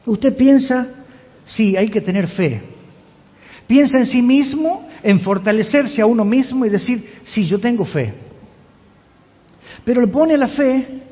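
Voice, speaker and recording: A man's voice: very high-pitched, expressive, measured pace, pauses often. A man, a pastor giving an expository sermon and emphatically asking the congregation questions. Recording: reverberant hall, dull lo-fi sound.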